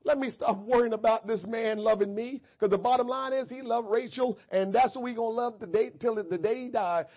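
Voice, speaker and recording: A preacher putting on the voice of an unloved young wife who resolves to praise God instead of worrying. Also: male voice, very high-pitched, a little fast, few pauses, voice pushed down. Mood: resigned resolve. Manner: resolute, talking herself round. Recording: dull lo-fi church recording.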